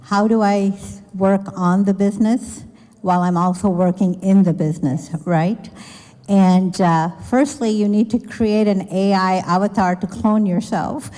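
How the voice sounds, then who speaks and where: A woman's voice: medium pitch, steady tone, measured pace, dark tone. A woman speaker on a business panel giving candid, joking advice to an audience. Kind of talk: panel talk answering a question. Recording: echoey event hall.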